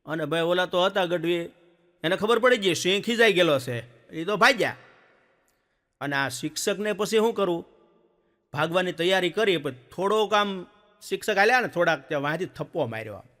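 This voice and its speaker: Brief: male stand-up storyteller, high bright voice, lively village yarns, stage hall reverb. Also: moderate pace. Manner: lively joke-telling, acts out villagers and animals. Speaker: stand-up comedian. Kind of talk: folk comedy storytelling.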